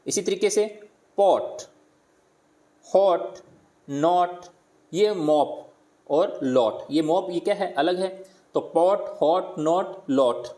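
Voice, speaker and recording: A man teaching primary pupils, slowly repeating words and sounding them out, asking questions and answering them himself. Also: high voice, mellow. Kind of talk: worksheet lesson for primary pupils.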